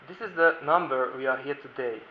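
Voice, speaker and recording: A Slovak lawyer whose native language is Hungarian gives a formal conference presentation, sticking closely to his notes with careful non-native phrasing. His medium-pitched voice moves a little fast and echoes around a large conference room. The recording sounds dull, with faint hiss beneath.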